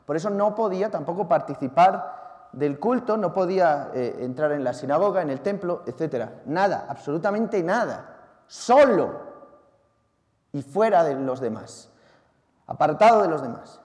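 Spanish priest, lively dramatic preacher, fairly high pitch, recorded in a reverberant church. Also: male voice, normal speed. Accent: Spanish from Spain. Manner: lively, theatrical, shouts out acted cries, talks to listeners directly. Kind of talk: Sunday homily. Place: large church.

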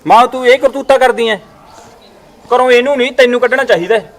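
A man's voice: very high voice, quick pace. A man playing a grown son who reproaches his mother. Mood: reproachful. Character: calm adult son and husband.

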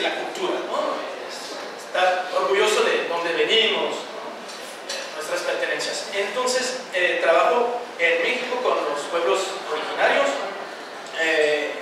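A man in his forties, born in France and a native speaker of one of its regional languages, gives a thoughtful, hesitant panel talk in a second language, often restarting his sentences. His voice sits high. He speaks into a handheld mic in a large classroom before an audience, recorded by a far camera in an echoey room with background hum.

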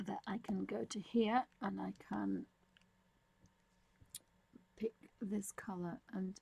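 A woman's voice: mid-range voice, fairly even intonation, takes it slowly, creaky, a little mellow, husky. A woman giving a casual, unscripted art tutorial, musing and thinking aloud as she draws. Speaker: digital art tutorial presenter. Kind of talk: casual, unscripted demonstration commentary.

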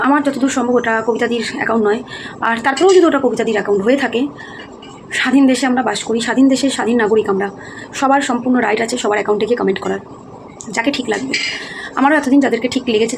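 Weary woman vlogger, gravelly and quick. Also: fairly high pitch. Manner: earnest, explaining herself, a little weary. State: feeling low and heavy-hearted. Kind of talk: casual talk to viewers. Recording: noticeable background noise.

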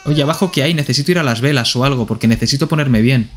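A man's voice: medium pitch, fast talker. A man with a Spain Spanish accent streaming live gameplay commentary, playfully talking to himself and to the characters on screen.

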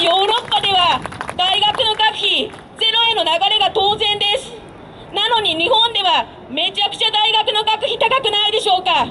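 A woman giving an earnest street campaign speech, appealing to listeners with rhetorical questions over a handheld microphone and loudspeakers. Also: extremely high pitch. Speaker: campaign speaker introducing a candidate. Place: outdoor urban street rally stage. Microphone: handheld mic over PA, filmed from a distance. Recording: noisy busy street with crowd.

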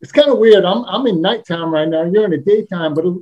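A man's voice: sits high, fairly quick, mellow, dull audio. Playful Brooklyn man hosting a video-call chat. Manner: jokey, playful, laughs often. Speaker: host. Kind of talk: casual video-call interview.

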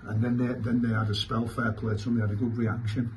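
After a match, a football manager answers post-match interview questions in halting, repetitive, emphatic phrases. He has a medium-pitched voice with a darkish tone and a flat delivery. The interview takes place in a small indoor club press room, with clearly noisy room ambience.

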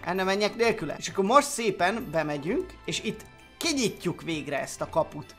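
A man's voice: high-pitched, soft background music. A man doing chatty let's play commentary on a game, reading its story aloud and muttering to himself as he plays. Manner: animated, chatty, mutters under his breath. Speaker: gaming YouTuber.

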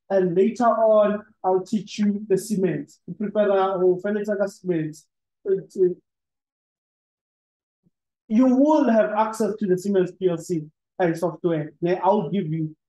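A man's voice: sits high, warm tone, echoey room, low-quality recording. A man giving a one-on-one training lesson, explaining step by step with frequent restarts. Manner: explanatory, with many restarts and filler "ne?". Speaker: PLC trainer. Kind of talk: one-on-one screen-share lesson.

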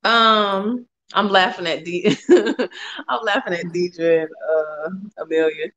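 Slow-talking woman chatting about makeup. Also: lowish voice, low-quality recording. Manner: relaxed, drawn-out phrasing with laughs. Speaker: co-host of a makeup livestream. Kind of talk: casual makeup tutorial chat.

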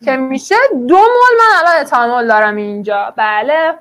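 A woman's voice: sits high, animated, a bit bright. A woman teaching an online chemistry class, explaining step by step in a colloquial, encouraging way.

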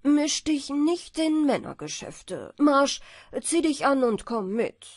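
A woman voicing a gruff, bossy male hedgehog in a fairy-tale reading, speaking slowly and curtly. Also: high voice, very animated, no room sound, clean studio sound, voice pushed up, exaggerated voice. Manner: curt, slow and commanding.

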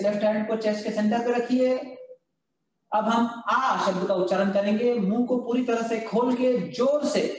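Slow, high-voiced man guiding yoga. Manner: slow, calm step-by-step cues, switching between English and Hindi. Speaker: yoga instructor. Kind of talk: guided yoga and chanting instruction. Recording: very echoey room, voice from far off, faint ambience.

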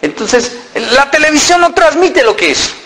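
A man in his thirties from Colombia, giving a humorous motivational talk with lively comic storytelling and acted-out dialogue. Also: extremely high pitch, normal speed, slight background noise, low-quality recording. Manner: animated, acts out quoted dialogue with mock voices; lively comic timing, self-mocking. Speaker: motivational speaker.

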